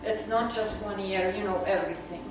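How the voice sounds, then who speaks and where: This Czech woman, with an accent from her home country of the Czech Republic, delivers a relaxed, wandering slide talk to naturalist club members, sprinkling in fillers and laughs. She speaks a little fast at a medium pitch with a steady tone. The meeting room echoes, the audio is noisy, and her voice comes from a distance.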